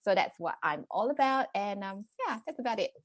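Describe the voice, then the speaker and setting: A woman's voice: medium pitch, animated, fairly quick, no echo. A woman in her thirties from Singapore, a parenting coach earnestly explaining her ideas as a podcast guest. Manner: earnest, many fillers and restarts. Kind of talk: conversational podcast interview.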